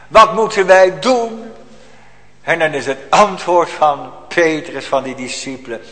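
High-voiced preacher in an echoing church. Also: male voice. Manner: solemn, emphatic pulpit preaching. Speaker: pastor. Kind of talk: sermon. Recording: long church hall reverb.

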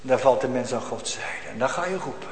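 A man preaching a sermon emphatically, repeating phrases and swinging from loud to hushed. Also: medium pitch, expressive, brisk, a little hiss or hum. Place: church. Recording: echoey church hall with faint ambience.

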